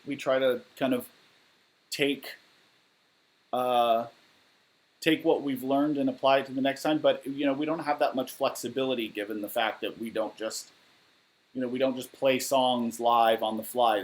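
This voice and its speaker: A man's voice: mid-range voice, low-quality recording. Chatty man answering fan questions at home. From Southern California. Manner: candid, matter-of-fact, rambling with fillers. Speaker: musician livestreaming Q&A. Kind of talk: casual livestream Q&A, reading viewer questions. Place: living room at home, indoors. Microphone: webcam or laptop mic at desk.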